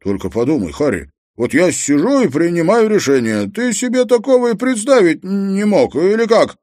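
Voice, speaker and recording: A man voicing a grumpy, suspicious old school friend on the phone, sarcastic and raised in pitch. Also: big pitch swings, normal speed, a little mellow, dry recording, studio quality.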